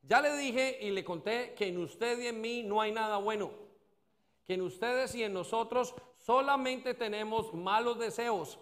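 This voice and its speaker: A man's voice: sits high, a little slow, a bit bright. A male pastor preaching a sermon, leading the congregation in call-and-response and acting out the excuses of doubters.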